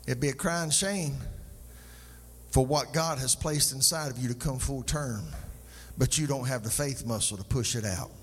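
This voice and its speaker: A man's voice: mid-range voice, moderate pace, in a large hall, slight background noise. A male pastor preaching a sermon, calling out to the congregation for response and sliding into a sung, rhythmic cadence. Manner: call-and-response, sing-song preaching cadence.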